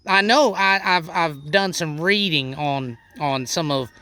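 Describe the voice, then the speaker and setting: A woman's voice: deep voice, measured pace, pushed and bright. A woman hosting an educational farm video, eager and playful with exclamations. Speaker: host.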